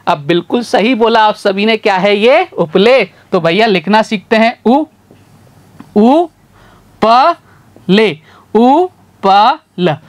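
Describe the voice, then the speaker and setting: A man teaching a literacy lesson in a folksy, repetitive call-and-response way. He sounds out syllables slowly and calls his learners brother and sir. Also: high-pitched, lively intonation. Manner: slow, sounds out syllables one by one.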